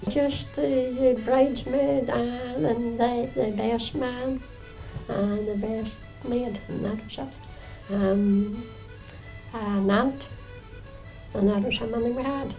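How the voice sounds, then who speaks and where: A woman's voice: on the high side, fairly even intonation, slow, dark tone, soft background music, poor audio. An older woman with a Northern Irish accent, reminiscing casually in homely, hesitant phrases. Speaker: local resident sharing memories.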